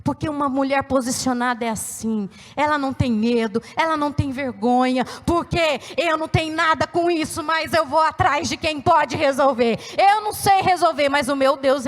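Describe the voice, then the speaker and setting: Impassioned high-voiced woman preaching. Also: normal speed, few pauses. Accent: Brazilian Portuguese. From Brazil. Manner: impassioned, repetitive preaching that swells into shouting. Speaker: pastor. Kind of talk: sermon. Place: church sanctuary. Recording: long church reverb.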